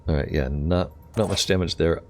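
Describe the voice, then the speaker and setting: Deep-voiced man thinking aloud over a game. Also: normal speed. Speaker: gamer narrating own play. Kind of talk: casual gameplay commentary.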